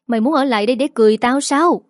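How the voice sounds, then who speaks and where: A woman's voice: a little high, rapid-fire, no room sound, studio quality, voice pushed up, natural voice. A woman voicing a grieving, harsh grandmother in her eighties who wails and scolds. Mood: grieving, scolding. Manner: wailing, scolding.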